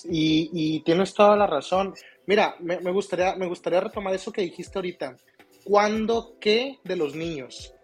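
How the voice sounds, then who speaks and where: A man's voice: sits high, normal speed, slightly rough. A man, co-hosting a casual podcast. He explains child behavior and gives advice by walking through examples. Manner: explanatory, advising, builds hypothetical examples. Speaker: podcast co-host giving parenting advice.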